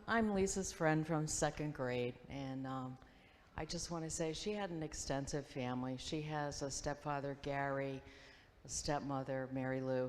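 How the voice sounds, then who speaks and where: A woman in her fifties giving a memorial tribute, telling stories in a halting, reminiscing way and acting out quoted voices. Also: very deep voice, darkish tone, a little hiss or hum. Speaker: memorial speaker, old friend. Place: school auditorium. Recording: long hall reverb, faint ambience.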